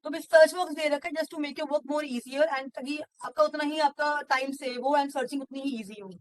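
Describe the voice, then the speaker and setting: A woman running a software training session, explaining step by step with frequent fillers. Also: sits high, steady tone, normal speed. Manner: mixes Hindi and English, explanatory, frequent fillers. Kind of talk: screen-share training walkthrough.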